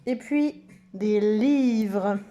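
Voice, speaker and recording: A woman teaching preschool children, speaking slowly and stretching out each word and letter sound. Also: mid-range voice, mellow, lo-fi sound. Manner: slow, sing-song, stretches out words and letter sounds. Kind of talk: slow lesson for young children.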